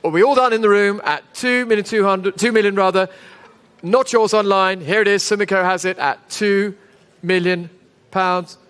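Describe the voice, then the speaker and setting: High-pitched male auctioneer in a reverberant hall. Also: fairly even intonation, moderate pace, fairly bright tone, clear, resonant tone. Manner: repeats figures, coaxing bidders with polite patter. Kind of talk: live auctioneer calling bids. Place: large indoor auction saleroom.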